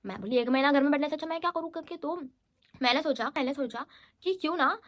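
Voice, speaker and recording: A woman's voice: high-pitched, quick pace, a bit bright. A woman in her twenties from India, telling her story in a casual, chatty vlog and mixing Hindi with English. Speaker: vlogger.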